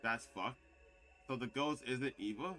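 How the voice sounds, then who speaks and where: A man's voice: medium pitch, unhurried, pushed and bright, faint music behind. A young man casually commenting on a game he plays, swearing now and then and reading its text aloud. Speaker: gaming video host. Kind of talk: let's play commentary.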